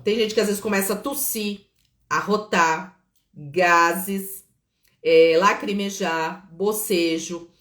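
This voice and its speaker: A woman with a Brazilian Portuguese accent, a therapist leading a calm guided healing session and checking in often with her listeners. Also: fairly low pitch. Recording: roomy echo.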